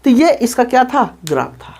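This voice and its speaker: A man's voice: very high voice, big pitch swings, moderate pace, darkish tone. A male physics teacher lecturing a class, who repeats himself, asks questions and answers them, and often checks that the students follow. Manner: calls the students "children" and checks "okay?" often. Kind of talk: classroom lecture explaining graphs.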